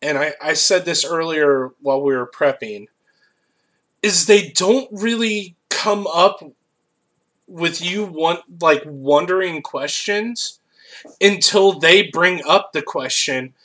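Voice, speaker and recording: A man's voice: a little high, takes it slowly, a bit bright. A man co-hosting a podcast, talking casually about movies in an easygoing way. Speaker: podcast co-host. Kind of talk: casual chat.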